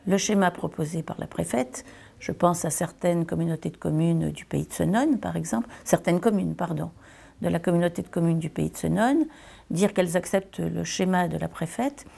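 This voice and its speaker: A local elected official, a woman, delivers a partly improvised political statement, speaking deliberately and hesitantly and repeating phrases for emphasis. Her voice sits fairly low, husky and warm, with noticeable vocal fry.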